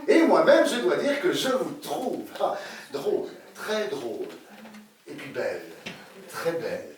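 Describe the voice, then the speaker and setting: A man's voice: a little high, wildly swooping pitch, unhurried, background noise. A man playing a flirtatious cosmetic surgeon. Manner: playful, teasing, chuckles often. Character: flirtatious middle-aged male cosmetic surgeon. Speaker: stage actor. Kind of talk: live stage comedy acting. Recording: echoey stage from far off.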